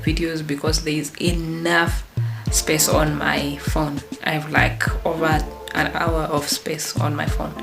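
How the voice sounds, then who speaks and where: A woman with a low, deep-set voice talks to a phone on a tripod at her home table. She chats loosely and pokes fun at herself, wandering from point to point. Music plays clearly underneath. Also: flat delivery, unhurried. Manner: rambling, self-deprecating, chatty. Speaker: vlogger. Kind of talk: casual vlog talk. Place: at home at a work table, indoors. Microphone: phone camera on a tripod.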